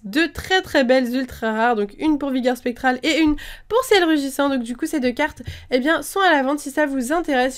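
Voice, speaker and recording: High-voiced chatty woman. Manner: chatty, thinks aloud with many fillers and restarts. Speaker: YouTuber opening trading card packs. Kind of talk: casual unboxing chat.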